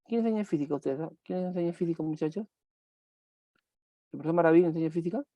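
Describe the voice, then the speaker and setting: Dark-voiced man teaching chemistry online. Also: a little high, quick pace, no room sound, lo-fi sound. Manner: repetitive, asks students questions, drills key points. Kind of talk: online class lecture.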